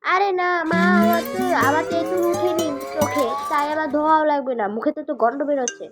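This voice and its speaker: An eager little girl, as a woman puts her on for a toy game role-play. Her voice sits very high and bubbly, and she stretches out her happy exclamations. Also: fairly even intonation, a little fast, loud music behind the voice, close to an everyday voice. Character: excited little girl, the family's daughter.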